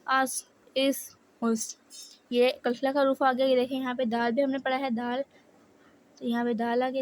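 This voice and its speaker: A woman with a Pakistani Urdu accent teaching a Quran reading lesson, who explains in quick bursts and then drills syllables slowly with repetition. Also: high voice. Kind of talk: step-by-step spelling and recitation lesson.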